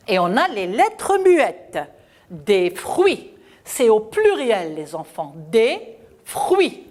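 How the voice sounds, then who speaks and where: Slow, animated woman teaching children. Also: medium pitch. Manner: slow, clearly articulated, repeating syllables; encouraging, addressing children warmly. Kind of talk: school reading lesson for children.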